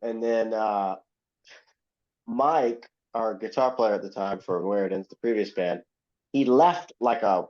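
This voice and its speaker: A band member appears as a podcast guest over a video call, telling a loose, rambling story full of laughter, restarts and self-corrections. His voice is on the low side and darkish, with a measured pace, and the call audio is muffled.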